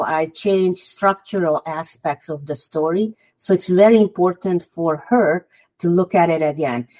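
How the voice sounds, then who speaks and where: A Hungarian woman appears as a guest author on a podcast interview, offering earnest advice in English, which is not her first language. She has a Hungarian accent and a mellow voice on the low side.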